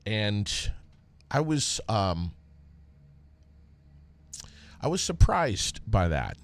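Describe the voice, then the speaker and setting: An American man with a deep voice talks slowly in a sing-song way, halting and conversational with frequent pauses. A former radio DJ turned podcast host, he chats casually on a solo podcast and reads a sponsor plug.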